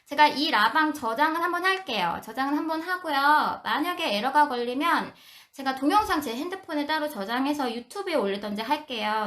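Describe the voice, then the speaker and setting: A woman teaching English phonics to parents on a live stream, explaining and slowly demonstrating sounds. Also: high voice, pushed and bright.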